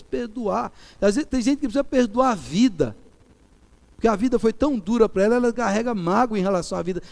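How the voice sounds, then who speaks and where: A middle-aged Brazilian pastor preaching in a Brazilian Portuguese accent, his voice fairly high and gravelly. The tone sits warm and dark. He hammers phrases again and again, going from loud emphasis to near-whispered pleading. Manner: repeats key phrases, shifts from loud emphatic peaks to soft quiet pleading. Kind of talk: sermon.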